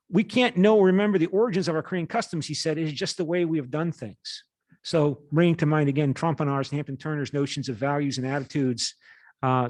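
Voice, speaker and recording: With a fairly high-pitched voice, a man in his late fifties lectures as a university teacher, stopping and restarting as he reads aloud, explains, and rephrases. No room sound is audible.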